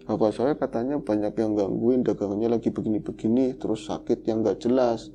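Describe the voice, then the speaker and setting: A soft, reassuring older man of mystery, as a male storyteller voices him, with a dark, mellow tone and a hushed, steady delivery in a spoken ghost story. His manner stays gentle and calm throughout. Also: fairly low pitch, fairly quick, close to an everyday voice. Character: mysterious kindly older man after prayers.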